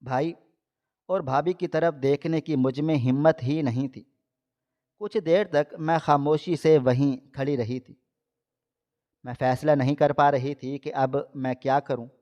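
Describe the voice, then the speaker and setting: A man reading a first-person moral story in a steady, measured voice. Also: on the high side. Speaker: story narrator. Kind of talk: scripted story narration. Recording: dull lo-fi audio.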